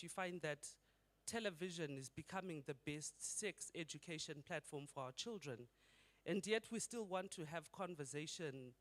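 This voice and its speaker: This middle-aged Zimbabwean man gives a conference talk in a conversational style, asking his audience rhetorical questions. His voice is fairly high and slightly bright.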